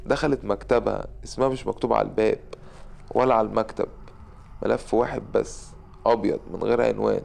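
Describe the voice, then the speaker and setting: Fast gravelly Egyptian horror narrator. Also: male voice, lowish voice, fairly even intonation, darkish tone. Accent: Egyptian Arabic.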